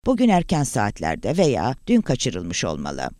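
A man voicing a worried middle-aged male professor who talks in a halting, cracked, urgent way. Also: medium pitch, huge pitch swings, darkish tone, no room sound, studio quality, pitched below the performer's own voice.

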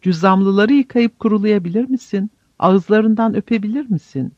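A man's voice: high-pitched, moderate pace, darkish tone, no room sound, highs cut off, voice pushed up. A man reading an audiobook voices a stern ascetic friar who tests with harsh, probing questions. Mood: stern testing.

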